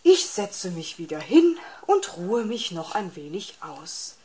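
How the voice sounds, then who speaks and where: A woman's voice: lowish voice, big pitch swings, slow pace, mellow. A woman voicing a grumpy, lazy male fox in a storybook reading, irritable and grumbling.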